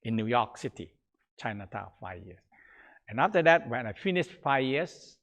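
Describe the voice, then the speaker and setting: A man leading a Taoist breathing exercise and teaching, calm and repetitive, often trailing off softly at the ends of phrases. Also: mid-range voice. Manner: slow, calm, repetitive, chanting phrases in a dropping soft voice. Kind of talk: guided breathing exercise instruction.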